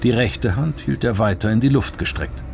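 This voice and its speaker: A man narrating an audiobook in a steady, measured storytelling manner. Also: medium pitch, vocal fry, a little hiss or hum.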